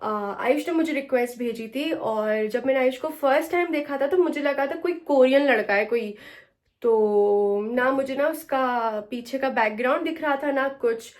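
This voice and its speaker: A woman's voice: high-pitched, normal speed. A young woman vlogging at home in casual chat, talking chattily and mixing English phrases into her speech. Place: home, getting ready.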